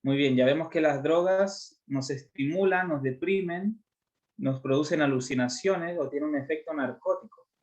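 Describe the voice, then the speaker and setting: Chilean man preaching, slightly high voice. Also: moderate pace, a little mellow, lo-fi sound. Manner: explanatory, asks listeners rhetorical questions. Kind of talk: Bible study sermon.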